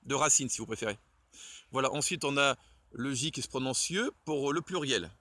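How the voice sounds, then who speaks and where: With a sharp tone and medium pitch, a man enthusiastic about Esperanto explains its alphabet at a moderate pace, with no echo on the recording. It's cold where he stands outside and he shivers a little, hesitating throughout with plenty of fillers and corrections.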